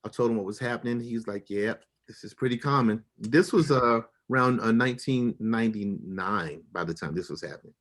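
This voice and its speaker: A man's voice: fairly low pitch, brisk, hardly any pauses, a bit bright. A middle-aged man telling a personal story with feeling, acting out the people he quotes with big jumps in his voice.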